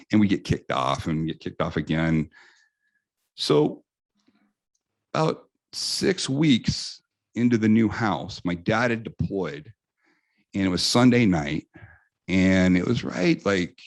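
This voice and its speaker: A very deep-voiced American man in his fifties, sitting in as an interview guest. He tells lively stories in a loose, conversational way, stopping and restarting his sentences as he goes. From United States. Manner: animated anecdotes with frequent restarts. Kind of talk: casual storytelling in an interview.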